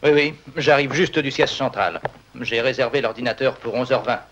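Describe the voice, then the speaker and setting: An actor playing a methodical, long-winded code-breaking colleague who explains things pedantically in a 1970s film drama. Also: male voice, mid-range voice, moderate pace, dull audio, background noise, lightly acted. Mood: methodical, pedantic. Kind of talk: 1970s French-language film drama acting.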